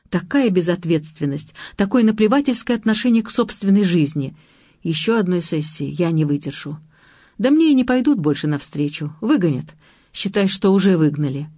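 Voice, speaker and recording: A woman's voice: fairly low pitch, warm tone, dry recording. A woman reading a first-person literary story aloud with anxious, emotional intensity, in a dull, lo-fi audiobook recording. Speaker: audiobook narrator.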